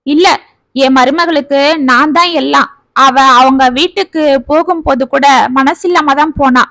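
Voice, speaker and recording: A woman playing a devoted older mother in a spoken family story. She talks earnestly and will not be talked out of her plans, in a high, dry voice. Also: normal speed, a bit bright, dry recording. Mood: insistent. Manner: earnest, insistent. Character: caring older mother-in-law, devoted and insistent.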